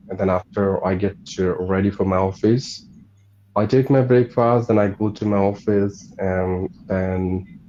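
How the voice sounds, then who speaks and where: Hesitant low-voiced man, lo-fi. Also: mellow. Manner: hesitant, many fillers. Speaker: channel host and learner. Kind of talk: conversation practice. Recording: dull lo-fi with faint noise.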